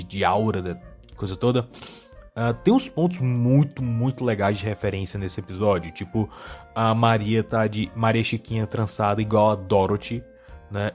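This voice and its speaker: A man with a Brazilian accent hosting a casual, humorous video essay, rambling into wry asides. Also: fairly low pitch.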